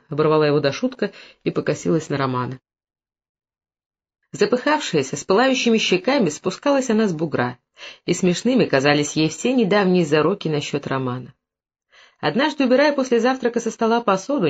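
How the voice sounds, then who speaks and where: Audiobook narrator, steady even storytelling, medium pitch, slightly dull muffled recording.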